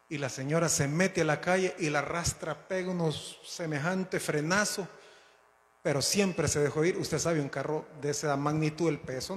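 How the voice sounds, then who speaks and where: Preacher man, slightly high voice, reverberant hall. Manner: dramatic storytelling, voice swelling and dropping to build suspense. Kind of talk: storytelling sermon. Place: church sanctuary. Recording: long church hall reverb.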